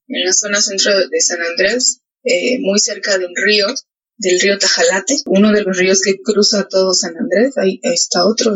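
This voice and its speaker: A woman's voice: medium pitch, pushed and bright, slightly rough. A young adult woman from southern Veracruz in Mexico, a photographer, chatting as an interview guest with a Veracruz accent, laughing often and using many fillers. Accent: Mexican Spanish (southern Veracruz). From Los Tuxtlas, Veracruz, Mexico. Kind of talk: casual interview chat. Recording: muffled lo-fi podcast audio.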